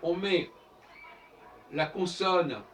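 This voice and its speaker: Animated man lecturing from a distance. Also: high voice, extremely slow. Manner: professorial, explains by spelling out letters. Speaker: host. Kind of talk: informal lecture monologue. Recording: distant mic with faint background noise.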